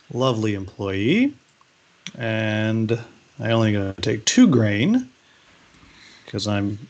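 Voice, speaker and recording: A man's voice: mid-range voice, dull audio. A man playing a board game with friends, teasing them and counting his moves aloud. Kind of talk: casual game-night chat.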